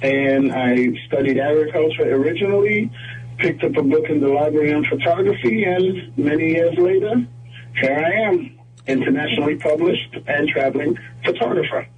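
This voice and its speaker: A man from Trinidad and Tobago, a guest photographer, explaining things in a measured way during a radio interview. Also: a little high, distant mic, dull audio, slight background noise. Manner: measured, explanatory, with frequent "mm-hmm" and "whatnot".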